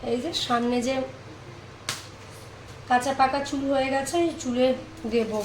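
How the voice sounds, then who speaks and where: A woman's voice: high-pitched, little pitch movement, unhurried, background noise. A woman from India chatting through her home cooking for a vlog, describing each step to viewers in a kitchen. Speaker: vlogger. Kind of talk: casual cooking vlog narration.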